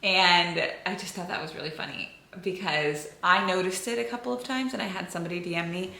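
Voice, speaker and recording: A young American woman chats casually to camera, answering viewer questions openly with lots of filler words. Her voice is lowish, brisk and creaky, with a bright, forceful tone. The room is echoey, with slight background noise.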